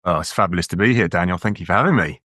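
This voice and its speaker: A fifty-ish leadership coach from England, with an English accent, chats reflectively as an interview guest, repeating himself as he works out his thoughts. His deep voice is very fast, pushed and bright, recorded at studio quality with no room sound.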